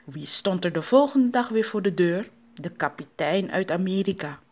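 A woman's voice: on the low side, expressive, normal speed. Woman storyteller telling a folk tale. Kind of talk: storytelling narration.

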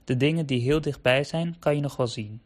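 A man voicing a calm, reassuring mother dog in a storybook. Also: medium pitch, brisk, lightly acted.

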